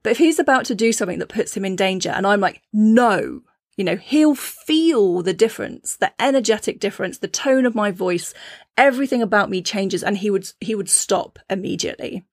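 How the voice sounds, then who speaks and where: A woman's voice: mid-range voice, animated, fairly quick, no echo. Earnest woman podcast host, dry sound. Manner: earnest, encouraging; acts out quoted voices. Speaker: mother. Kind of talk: casual spiritual coaching talk.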